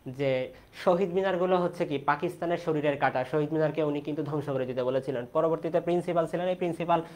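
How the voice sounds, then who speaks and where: A man's voice: on the high side, quick pace, a little mellow. A young man from Bangladesh teaching an online exam-prep class in Bengali, asking questions and repeating the key answers.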